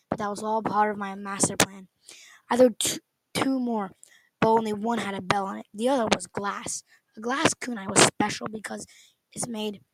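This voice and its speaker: A woman reading a first-person action story aloud, with small slips and restarts. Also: medium pitch. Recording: loud background noise.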